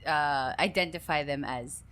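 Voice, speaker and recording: A woman co-hosting a casual podcast, chiming in with quick questions and short agreements. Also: sits low, fairly bright tone. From Philippines. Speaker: podcast co-host. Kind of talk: casual chat.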